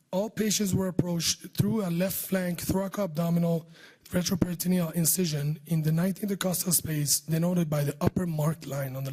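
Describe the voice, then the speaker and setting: A man with a hoarse voice that is giving out, speaking close to the microphone as he presents surgical research in a scripted talk. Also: on the high side, darkish tone, rough recording. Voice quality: husky voice giving out. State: hoarse, losing his voice. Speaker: surgeon presenting research at a medical conference. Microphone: speaking close to a podium microphone.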